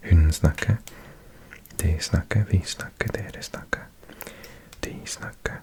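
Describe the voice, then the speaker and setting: A man whispers an unhurried ASMR study session, his breathy voice sitting low. He murmurs close to the microphone and thinks aloud as he sounds out words. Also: a little mellow. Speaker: ASMR creator.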